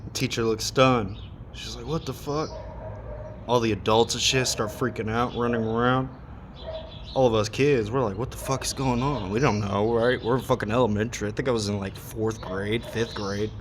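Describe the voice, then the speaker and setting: A man in his thirties, voice set low, rants in a loose, heated way and swears often, leaving long pauses. Birds and a faint outdoor hum can be heard behind him. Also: steady tone. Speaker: monologue speaker. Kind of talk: casual rant.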